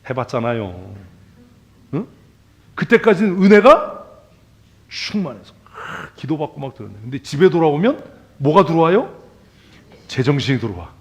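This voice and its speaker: A male pastor preaching a sermon in a church, talking casually and bluntly, peppering the congregation with questions and swinging between loud emphasis and quiet asides. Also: a little high, very animated, moderate pace, pauses often. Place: church sanctuary.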